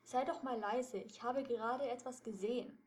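A woman's voice: fairly high pitch, fairly even intonation, normal speed, darkish tone, lightly acted. Lady reading as a stubborn teen boy ringleader, bossy, talks firm. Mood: bossy, insistent. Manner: insistent, commanding. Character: bossy, stubborn teenage boy lead detective.

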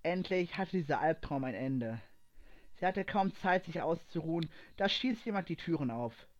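A man's voice: fairly high pitch, expressive, moderate pace. Man reading a story, muffled lo-fi. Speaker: narrator. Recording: dull lo-fi recording.

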